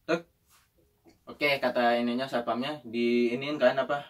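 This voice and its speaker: A young man telling an animated story in casual chat and acting out the voices of the people in it. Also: mid-range voice, a little slow, recorded from a distance.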